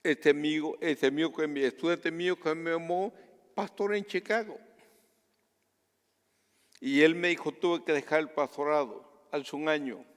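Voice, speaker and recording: A man from Guatemala preaching a sermon as pastor, earnest and measured, dropping to a hush for personal stories. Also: on the high side, big-room sound.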